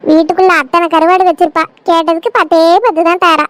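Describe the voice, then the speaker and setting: A woman's voice: extremely high pitch, level tone, fast talker, a bit bright, dry recording. A woman voicing a young wife in a cartoon, chatty and grumbling. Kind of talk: cartoon comedy voice acting.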